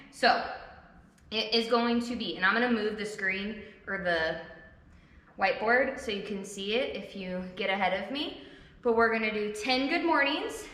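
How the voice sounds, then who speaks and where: A slightly high, bright and forceful woman's voice, winded from exercise, walking a class through each move. She is recorded in a big, booming gym hall where her words ring out with a long echo. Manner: coaching, explains each exercise step by step. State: out of breath. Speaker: fitness instructor. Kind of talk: workout class instruction. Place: indoor gym or recreation hall. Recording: very echoey gym with long reverb.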